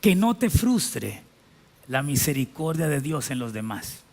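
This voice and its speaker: A middle-aged pastor preaching a sermon emphatically, with slow, drawn-out phrases and spelled-out words. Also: male voice, fairly high pitch, sing-song, a little mellow.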